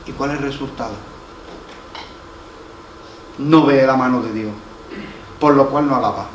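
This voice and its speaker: In this sermon, an Andalusian-accented pastor takes his time, his mid-range voice unhurried as he tells a story, acts out the voices in it, and repeats key lines for emphasis. The recording, made in a church hall, sounds roomy and far off, with faint noise.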